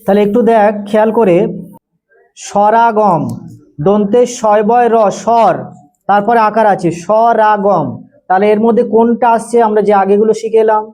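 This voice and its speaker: A man with a high, mellow voice teaches a grammar lesson in a classroom. He dictates definitions slowly, repeats phrases for note-taking and fires questions at his students. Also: flat delivery, low-quality recording. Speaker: tutor.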